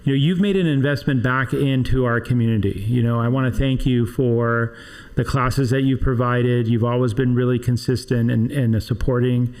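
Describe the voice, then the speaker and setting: A man hosts a casual podcast interview, his voice carrying a gravelly edge. He talks in loose, rambling sentences, restarting often as he chats with his guest. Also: mid-range voice, fairly even intonation, normal speed, darkish tone. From Southern California. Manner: chatty, rambling, many restarts. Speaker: podcast host for a trade association.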